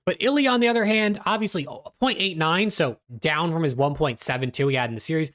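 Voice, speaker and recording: Higher-voiced man talking with mouth stitches. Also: fast talker, fairly bright tone. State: talking with stitches in mouth after dental surgery, slightly constrained speech. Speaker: esports recap video host. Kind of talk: casual esports analysis commentary to camera. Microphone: webcam video setup.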